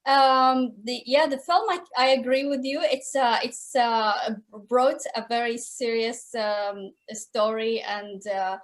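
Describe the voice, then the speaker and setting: A woman's voice: fairly high pitch, fairly even intonation, takes it slowly, few pauses. A woman in her thirties from Iraq, speaking as a podcast guest over a video call, hesitant and searching for words. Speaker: guest, concept artist. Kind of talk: podcast interview. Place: room at home.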